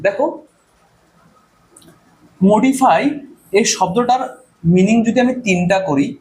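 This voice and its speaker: A man teaching English grammar to a class, repeating his questions and answering them himself in call-and-response drills. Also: high-pitched. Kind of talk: classroom lecture.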